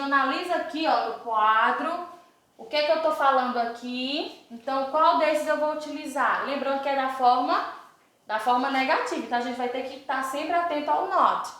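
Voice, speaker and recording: Brazilian woman teacher, high voice, patient step-by-step explainer, very echoey classroom sound. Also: a bit bright. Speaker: English teacher. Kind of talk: recorded video lesson for children. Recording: very echoey room.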